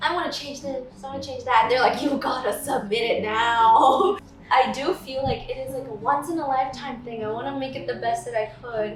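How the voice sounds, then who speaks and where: A woman's voice: sits high, fast talker, recorded from a distance. A woman in her twenties, a singer-songwriter, chatting casually in an interview, laughing often and mixing in a few Thai words. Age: 20s. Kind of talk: relaxed interview talk. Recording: roomy, mic set back, music behind.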